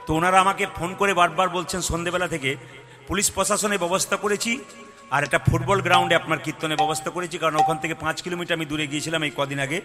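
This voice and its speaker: Dramatic high-voiced male kirtan preacher. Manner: dramatic, swings between loud cries and hushed tones, acts out story voices. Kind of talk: devotional kirtan sermon. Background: music.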